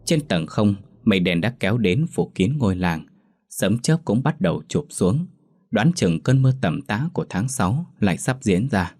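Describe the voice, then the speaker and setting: A man narrating a scripted ghost story in a steady, suspenseful reading voice. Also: fairly low pitch, normal speed.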